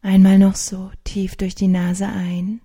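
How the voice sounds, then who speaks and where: A woman narrating a guided sleep meditation in a soft, hushed, soothing, partly whispered voice with long pauses, like a sleep story narrator. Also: medium pitch, completely flat delivery. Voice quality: soft, breathy.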